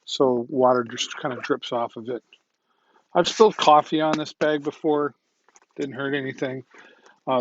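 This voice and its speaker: A man's voice: mid-range voice, dull audio. A man hosting a casual product demo livestream, rambling and chatty with lots of ums, his voice a bit worn. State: slightly losing his voice. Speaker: livestream shopping host.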